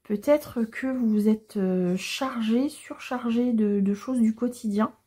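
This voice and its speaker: Tarot reader, female, warm dark tone and slightly raised pitch, gentle and unhurried, pausing often as she explains. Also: breathy edge. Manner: gentle, hesitant explaining with frequent pauses. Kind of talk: casual tarot reading to viewers.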